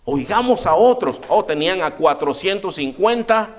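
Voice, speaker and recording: Animated Spanish-speaking male preacher. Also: high-pitched, normal speed. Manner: animated preaching, acts out biblical characters' voices; addresses listeners as "hermano". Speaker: pastor. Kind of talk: sermon. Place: church.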